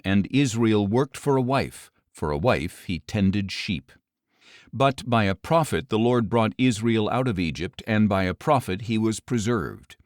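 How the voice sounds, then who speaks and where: A man narrating an audio Bible in a measured, solemn scripted reading, his lines falling at the ends. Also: fairly low pitch, darkish tone, no room sound, clean studio sound. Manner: measured, solemn delivery with falling line endings.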